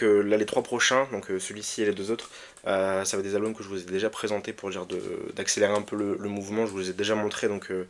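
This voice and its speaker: A man's voice: fairly low pitch, a little hiss or hum. A man casually presenting his record collection, hesitant with many fillers and restarts, enthusiastic about the music. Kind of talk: casual vlog talk.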